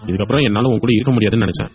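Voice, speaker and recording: A man's voice: lowish voice, rapid-fire, darkish tone, soft background music, natural voice. A man voicing a loving young husband in a hospital bed, playful and coaxing. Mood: tender. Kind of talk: audio drama acting.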